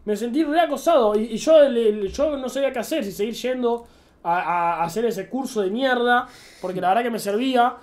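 A young man in his twenties with an Argentine accent, telling slangy, animated anecdotes as a streamer. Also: very high voice, a little fast. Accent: Argentine Spanish. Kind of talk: casual storytelling chat.

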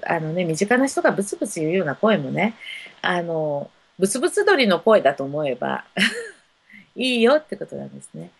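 Gentle, gravelly-voiced woman counselor. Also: mid-range voice, low-quality recording. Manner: gentle, unhurried, many soft fillers. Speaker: spiritual counselor. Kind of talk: live-stream readings for viewers.

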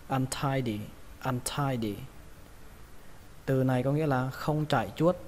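A man's voice: medium pitch, steady tone, a little fast, darkish tone. A man with a Vietnamese accent teaching English pronunciation, patiently repeating each word. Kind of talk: pronunciation lesson. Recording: long reverb, faint ambient noise.

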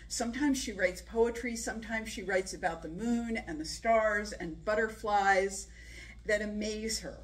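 An older woman hosting a live storytelling event, introducing readers and pointing out their writing technique in a teacherly way. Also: medium pitch. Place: senior center room. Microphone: podium mic. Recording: distant room recording, faint ambience.

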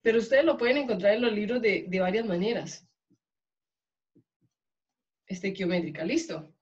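A woman's voice: fairly high pitch, lively intonation, a little fast, muffled recording. A woman teacher with a Colombian accent, lecturing a chemistry class and checking in often with questions to her students. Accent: Colombian Spanish.

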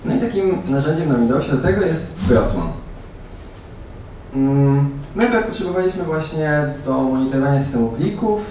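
A man's voice: on the high side, expressive, moderate pace, dark tone. A young man co-presenting a technical talk, explaining in a loose conversational way. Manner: conversational, asks tag questions. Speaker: conference speaker. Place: large dim lecture room. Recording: echoey hall, distant mic, faint noise.

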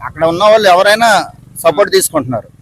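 A man's voice: sits high, lively intonation, fast, a bit bright. A local man voter answering questions politely and a little hesitantly. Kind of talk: street interview.

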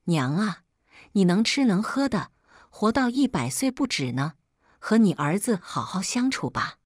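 A woman's voice: mid-range voice, big pitch swings, measured pace, no room sound, clean studio sound. A woman reading as a tearful village mother. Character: caring middle-aged village mother, tearful. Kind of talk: read-aloud storytelling.

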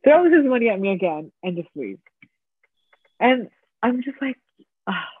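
A man hosting a podcast, telling stories in a casual, animated way and acting out the people in them. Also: very high voice, normal speed, slightly rough, narrow, tinny audio. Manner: animated storytelling with quoted voices. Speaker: podcast host. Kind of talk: casual chat.

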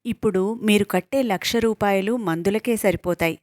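A woman playing a brisk, firm hospital nurse. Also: medium pitch, a little mellow, dry recording, studio quality, close to an everyday voice. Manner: firm, matter-of-fact.

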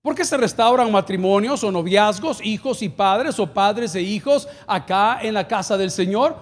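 A male pastor preaching a sermon from the stage of a large church, building to emphatic peaks and firing off quick lists. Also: sits high. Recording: long hall reverb.

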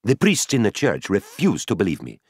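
A man's voice: fairly low pitch, a little fast, husky, dry recording, clean studio sound, exaggerated voice. A man playing an elderly male astronomer who narrates his own life in a chatty, cheeky children's story. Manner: chatty and cheeky, with lively asides. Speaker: first-person narrator.

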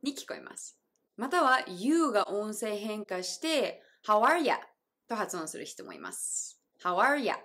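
A young adult woman whose first language is English, teaching pronunciation in a friendly video lesson, bright and upbeat, modeling phrases slowly and clearly. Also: mid-range voice, wildly swooping pitch.

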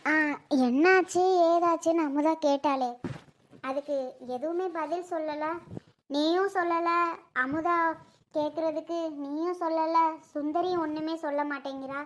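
A woman's voice: sits high, steady tone, unhurried. A woman with an acting a family drama skit, fussing and questioning affectionately.

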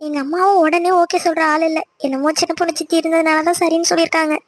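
A woman's voice: very high-pitched, level tone, fast talker, dry recording. A woman voicing an anxious teenage daughter in love in a cartoon.

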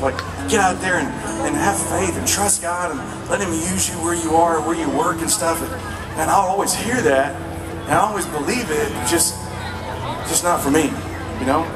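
A man's voice: fairly high pitch, recorded from a distance. Middle-aged male frontman, rambling self-deprecating stage talk, echoey live concert sound recorded from the crowd. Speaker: lead singer of a band. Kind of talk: talking to a concert crowd between songs. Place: outdoor stage at a night concert. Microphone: handheld stage mic. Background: loud band playing.

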